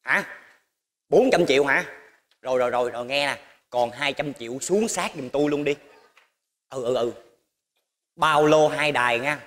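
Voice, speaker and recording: A man's voice: medium pitch, normal speed, pauses often, a bit bright, big-room sound, natural voice. A man, playing a reckless gambler placing bets by phone in a comedy sketch. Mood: blustering. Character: reckless middle-aged male gambler.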